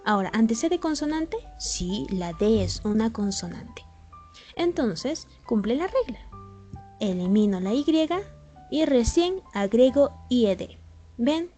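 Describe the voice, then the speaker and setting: Patient woman teacher, mellow voice. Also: a little high, big pitch swings, a little slow, faint music behind. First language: Spanish. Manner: patient, step-by-step explaining with rhetorical questions. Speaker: English teacher. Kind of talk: classroom lesson explaining grammar rules.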